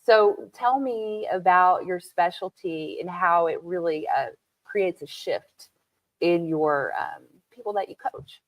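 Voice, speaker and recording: A woman's voice: fairly low pitch, slow, no echo. A woman in her fifties hosting a local talk show, interviewing a guest in an encouraging, chatty way. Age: 50s. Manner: encouraging, lots of affirmations. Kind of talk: casual interview chat. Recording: slightly dull, dry sound.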